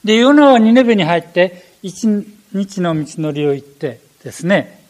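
Animated older male preacher. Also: sits high, moderate pace. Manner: animated, frequent fillers and self-corrections. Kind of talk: sermon.

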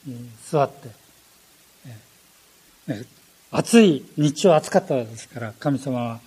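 An older man preaching a sermon, animated, with frequent fillers and self-corrections. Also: medium pitch, slow, breathy edge.

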